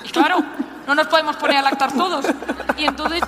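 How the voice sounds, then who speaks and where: Animated Spanish woman in an echoing hall. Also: sits high, brisk, noisy background. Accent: Spanish (Spain). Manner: lively, animated storyteller. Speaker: speaker giving a talk. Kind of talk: storytelling talk to an audience. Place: large hall with audience. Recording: hall reverb, faint music.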